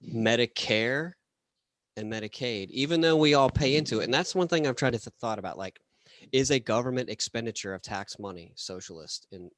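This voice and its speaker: A man co-hosting a casual podcast chat, rambling and halting with many fillers. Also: mid-range voice, fairly bright tone, dry recording. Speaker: podcast co-host.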